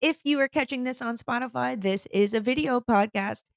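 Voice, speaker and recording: A woman hosting a video podcast on spiritual growth, talking in a warm, smiling, earnest way. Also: a little high, moderate pace, vocal fry, no room sound, clean studio sound. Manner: upbeat, earnest, smiling delivery. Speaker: podcast host and spiritual guide. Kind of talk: casual spiritual podcast talk.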